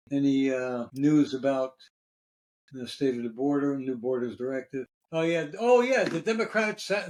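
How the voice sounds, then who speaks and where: High-pitched, blunt, profane man. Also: a little mellow, rough recording. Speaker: podcast host. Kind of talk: casual political chat.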